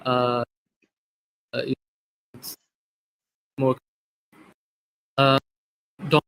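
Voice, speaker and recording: A man's voice: medium pitch, completely flat delivery, fairly bright tone, clean tone, low-quality recording. Man on glitching, cutting-out call audio. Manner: halting, many filler sounds. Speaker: interviewer. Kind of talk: online interview questions. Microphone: video call.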